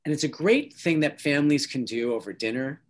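A man, a psychologist, giving a calm instructional talk on stress and breathing techniques, guiding listeners step by step with frequent restarts. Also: fairly high pitch, a little fast.

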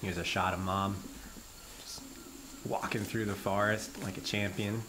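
Over a noisy background, a man with a lowish voice and flat delivery speaks a little slowly, narrating his jungle memories as a casual voice-over. This vlogger chuckles frequently and restarts sentences, and he recorded somewhere other than the jungle.

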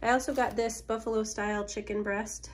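This vlogger, a woman in her thirties, speaks fairly quickly in a fairly high voice with fairly even intonation, strained from a cold she's getting over. Casual and full of ums, she keeps a homey, upbeat tone while walking through her grocery haul, recorded on a phone camera held at arm's length in her farmhouse kitchen.

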